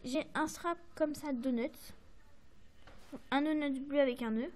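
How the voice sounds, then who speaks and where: High-voiced French woman chatting about crafts. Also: fairly even intonation, measured pace, a little mellow. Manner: chatty, hesitant, many fillers and apologies. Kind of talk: casual show-and-tell to camera.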